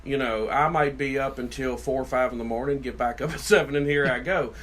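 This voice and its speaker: Talking a little fast in a mid-range voice, the middle-aged podcast co-host from Virginia rambles loudly through folksy stories. He's also a city councilman, and the conversation is casual.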